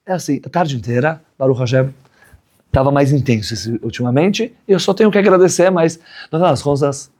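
A man's voice: fairly high pitch, a little fast, darkish tone. A man, a rabbi giving a chatty Torah class, often checking in with his listeners. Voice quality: husky. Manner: chatty, checks in with "right?" tags. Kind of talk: conversational Torah lesson with a story.

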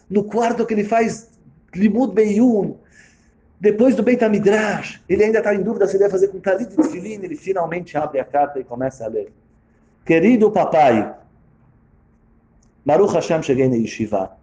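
A man, a religious teacher telling a story in a sermon with a dramatic, animated delivery. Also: high-pitched, brisk, reverberant.

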